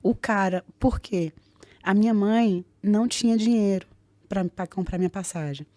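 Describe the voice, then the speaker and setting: A woman's voice: medium pitch, dry recording. A woman, telling a personal story as a podcast guest, acting out the dialogue. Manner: animated, acts out dialogue in quick voices. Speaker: guest, jiu-jitsu fighter.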